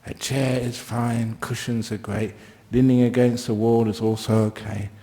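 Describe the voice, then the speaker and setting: A man's voice: medium pitch, little pitch movement, normal speed, gravelly, warm tone. A man speaking informally as a meditation teacher, introducing a class in plain, short phrases.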